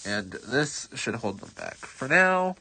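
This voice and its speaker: A man's voice: medium pitch, big pitch swings, slow pace, pushed and bright, rough recording. A man giving playful, mock-dramatic commentary over his own strategy game as a streamer. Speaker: gaming streamer. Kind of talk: gameplay commentary.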